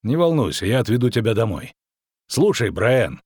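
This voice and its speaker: A man's voice: medium pitch, sing-song, moderate pace, a little mellow, breathy edge, no echo, studio quality. A man voicing a blunt, scolding grown male monster hunter in a fantasy audiobook. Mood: mocking.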